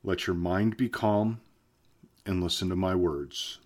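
A man's voice: sits low, a little mellow. A man playing a weary end-times vlogger. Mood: soothing. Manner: hesitant, with fillers and restarts; slow, soothing hypnotist's voice. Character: weary man filming as the world ends. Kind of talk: found-footage vlog acting.

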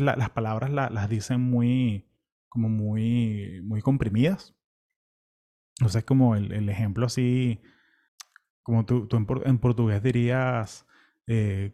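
A young Venezuelan man with a Venezuelan Spanish accent casually tells the story of a long walking pilgrimage, relaxed and chatty, full of fillers and restarts. His voice is medium-pitched.

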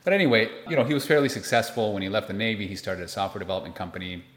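Racing through his words, a Peruvian man in his forties speaks in a fairly low, fairly bright voice. An investment manager from Lima, he is an interview guest relating personal stories conversationally, recorded in a roomy space with noticeable echo.

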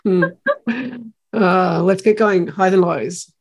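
A woman in her thirties with an Australian accent, co-hosting a podcast in relaxed, soft-spoken casual chat. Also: fairly low pitch, takes it slowly, vocal fry. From Tasmania. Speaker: podcast co-host.

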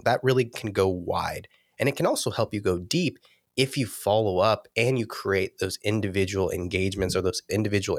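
A man's voice: on the low side, no room sound, studio quality. Congested man hosting a podcast. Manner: earnest, coaching tone. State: congested, nasal. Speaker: podcast host. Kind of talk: solo podcast monologue.

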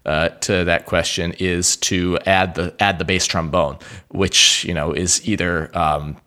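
A man's voice: deep voice, little pitch movement, unhurried, sharp tone. A man talking as a podcast guest in casual chat, rambling with many restarts.

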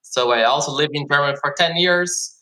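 Upbeat, bright-voiced man from Brazil. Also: fairly high pitch, a little fast, poor audio. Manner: upbeat, heavy use of "like" and "uh" fillers. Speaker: guest, esports marketing executive. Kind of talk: casual interview answers.

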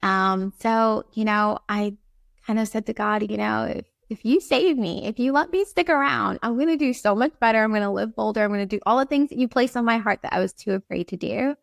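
Chatty woman from Barbados, gravelly tone. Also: on the high side, fairly quick, no room sound, studio quality. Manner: chatty, many fillers, upbeat. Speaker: guest, time management coach. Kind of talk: casual interview talk.

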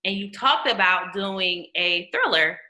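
A woman's voice: medium pitch, expressive, measured pace, sharp tone. A woman co-hosting a talk show in a casual, conversational style. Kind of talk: casual chat.

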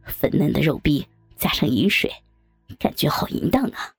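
A woman voicing a group of crude, boastful young men in a low, gruff put-on voice. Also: animated, normal speed, no room sound, soft background music, heavily acted. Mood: leering.

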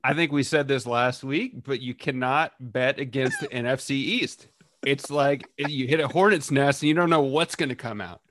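A man hosting a casual sports chat, relaxed and joking, telling his own football stories. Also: mid-range voice, normal speed. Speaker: host.

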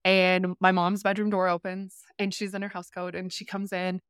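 A woman's voice: on the low side, level tone, normal speed, clear, resonant tone, no echo, clean studio sound. A woman who is a podcast guest tells a candid story in conversation. She speaks animatedly, uses a lot of "like" fillers and acts out quotes. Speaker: podcast guest, rural entrepreneur.

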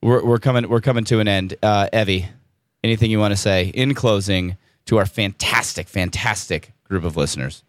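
A man in his thirties hosts a casual podcast with a jokey, upbeat manner, sprinkling in "y'all" and "dude." His voice sits a bit low. The studio sound is close and completely dry. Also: fairly quick, dry recording. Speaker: podcast host.

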